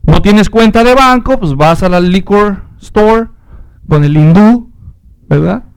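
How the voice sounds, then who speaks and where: High-voiced animated preacher. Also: male voice, takes it slowly, smooth, dry recording. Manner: animated storytelling, acting out scenes. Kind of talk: sermon.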